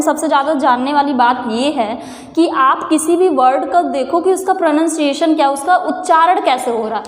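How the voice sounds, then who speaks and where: Female teacher, high-pitched, patient explainer, recorded in a reverberant room. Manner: patient, repeats questions to the viewer and answers them. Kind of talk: explaining a grammar lesson.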